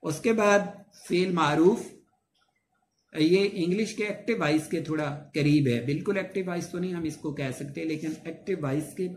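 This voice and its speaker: A man with a Pakistani Urdu accent gives a grammar lesson in a fairly high voice, patiently stacking up example after example. He is recorded in an echoey room with a faint hum of ambient noise behind him. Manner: explains slowly with many repeated examples.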